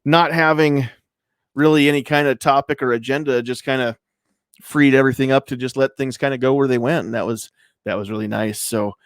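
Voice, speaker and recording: A man's voice: medium pitch, steady tone, fairly quick, dry recording. A man hosting a live podcast from a home studio, talking loosely with lots of fillers. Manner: loose and rambling, many fillers. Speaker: podcast host. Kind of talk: casual live-stream chat.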